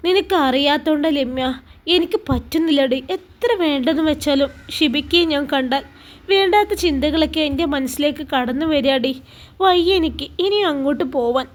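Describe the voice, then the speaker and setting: A woman's voice: high-pitched, moderate pace, close to an everyday voice. A woman voicing a heartbroken, tearful young woman student, speaking with a Malabar Malayalam accent and a pleading, trembling manner. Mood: sorrowful. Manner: sad, pleading, trembling lips.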